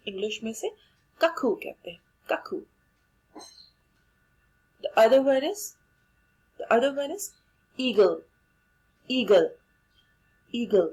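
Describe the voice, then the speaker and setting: A woman's voice: on the high side, darkish tone, breathy edge, low-quality recording. A woman with an Indian accent teaching English vocabulary, repeating each word and spelling it out letter by letter while mixing Hindi and English. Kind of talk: vocabulary lesson.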